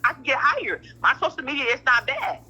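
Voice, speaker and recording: A middle-aged woman in a heated phone conversation about parenting matters speaks briskly in a high, sing-song voice that sounds pushed and bright. She's blunt, emphatic, and profane, repeating herself often, and the call audio is muffled.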